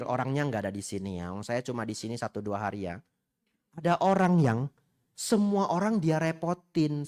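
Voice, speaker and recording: In a temple hall, a middle-aged monk with a somewhat mellow, mid-range voice preaches a humorous Dhamma talk. He questions the congregation and weaves Hokkien phrases into the sermon.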